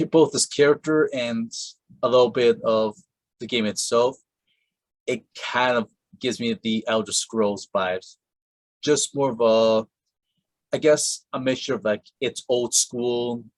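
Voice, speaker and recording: A podcast host interviews a voice actress in a casual conversation, speaking in a low voice at an unhurried pace. He rambles, restarts sentences and leans on fillers. The close, dry mic picks up no room sound, and the audio quality is poor.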